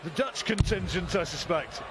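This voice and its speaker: A man's voice: high voice, expressive, moderate pace. A man giving live darts commentary in short, conversational phrases. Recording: clear crowd noise behind. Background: noisy darts arena.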